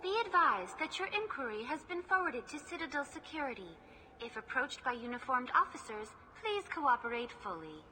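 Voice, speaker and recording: A woman's voice: high voice, big pitch swings, normal speed, pushed and bright, a little hiss or hum, exaggerated voice. A woman voicing a polite female AI information hologram who speaks in formal, scripted phrases. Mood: courteous.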